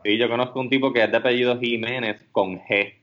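A man talking in a measured, even way in casual chat. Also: medium pitch, muffled recording.

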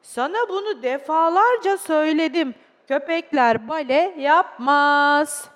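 A woman's voice: high-pitched, slow, voice pushed up. Woman playing a stern grumbling father. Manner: firm, scolding. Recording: long hall reverb.

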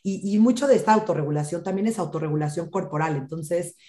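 Animated woman explaining parenting. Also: on the low side, quick pace. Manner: animated, acts out children's lines. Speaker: parenting expert guest. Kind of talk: explanatory podcast talk.

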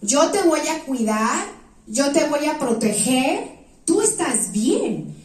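A tender, reassuring young boyfriend recalled by a woman speaker, making slow, gentle promises. The voice stays high and is heard from a distance in an echoing hall. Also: big pitch swings, heavily acted.

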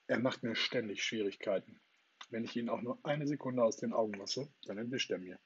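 A husky man voicing a boastful, playful boy in a storybook reading, talking in a lively, triumphant way, on a dull lo-fi recording. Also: medium pitch, fairly quick, slight background noise, natural voice. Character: boastful playful boy who never grows up.

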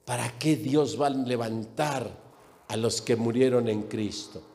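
A man's voice: medium pitch, unhurried, a little mellow, in a large hall. A man preaching a sermon with emphasis, repeating phrases and speaking straight to the congregation.

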